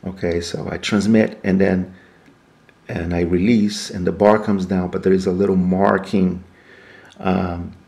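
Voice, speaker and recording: Walking through some equipment without a script, a male reviewer explains each step casually, posing questions and then answering them himself. He speaks at a measured pace in a deep, creaky, dark voice with little pitch movement.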